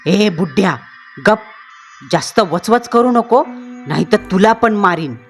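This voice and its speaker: A woman's voice: mid-range voice, animated, unhurried, faint music behind. A woman voicing a raging possessed husband. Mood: furious. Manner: harsh shouting, scolding.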